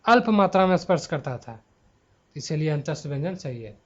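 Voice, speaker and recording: A man's voice: a little high, expressive, normal speed. A man teaching a grammar exam-prep lesson into a mic at his laptop, thinking aloud and correcting himself as he goes. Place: at home before a laptop. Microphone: handheld mic at a laptop. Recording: dull lo-fi mic sound.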